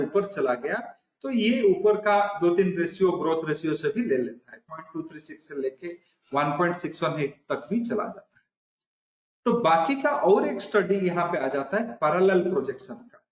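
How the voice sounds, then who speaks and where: A man's voice: sits high, echoey room, poor audio. A man giving a recorded online trading lesson, explaining step by step and often restating his points. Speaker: trading instructor.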